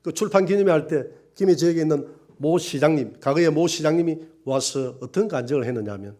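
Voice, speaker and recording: Emotional pastor. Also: male voice, on the high side, brisk. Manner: emotional preaching with sudden swings between soft and loud. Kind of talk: sermon.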